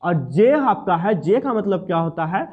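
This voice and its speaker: Male coaching tutor, Bihari Hindi accent, raised pitch, drills steps over and over, lo-fi phone-quality audio. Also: expressive, moderate pace. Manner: repetitive, quizzes the viewer, explains step by step. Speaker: math tutor. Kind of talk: classroom lecture.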